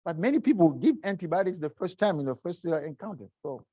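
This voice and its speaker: A middle-aged man, a guest speaker, answering seminar questions in a halting way, often searching for words. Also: sits high, sing-song, warm tone, breathy edge, no echo, lo-fi sound. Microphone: video call.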